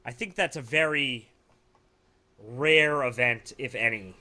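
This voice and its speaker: A man's voice: mid-range voice, slow pace, pushed and bright. A man co-hosting a casual podcast, joking and teasing his partner. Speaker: co-host.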